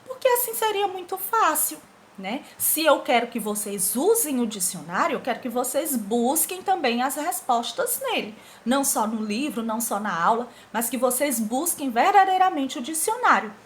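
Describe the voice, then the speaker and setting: A woman's voice: high voice, slight background noise. A woman teacher giving an online lesson to schoolchildren, asking the pupils rhetorical questions as she explains. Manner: animated, talks directly to pupils with rhetorical questions.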